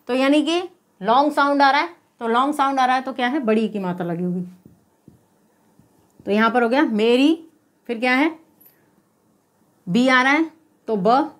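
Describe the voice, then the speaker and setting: A woman's voice: high voice, normal speed, pauses often. A woman teacher explaining spelling step by step, patiently posing questions and then answering them herself. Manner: checks in with repeated "okay?". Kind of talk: spelling lesson.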